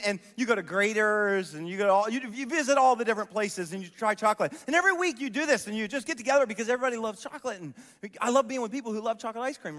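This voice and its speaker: High-voiced man preaching in a reverberant hall. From Columbus, Ohio. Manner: animated storytelling, rhetorical questions to the audience. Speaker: pastor. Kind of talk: sermon.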